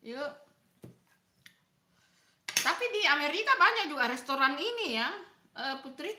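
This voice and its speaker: Chatting casually with live viewers over a meal, a middle-aged woman with a Makassar Indonesian accent asks them questions and replies to their comments. Her high voice has lively intonation, but she goes slowly and pauses often. The audio is reverberant, with a noisy background.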